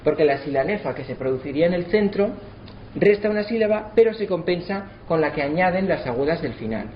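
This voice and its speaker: A man giving a lesson, slowing down to sound out words syllable by syllable. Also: fairly high pitch, lively intonation. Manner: spells out syllables slowly to demonstrate. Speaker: lecturer. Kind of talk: explanatory lesson. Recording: slightly dull, faint background noise.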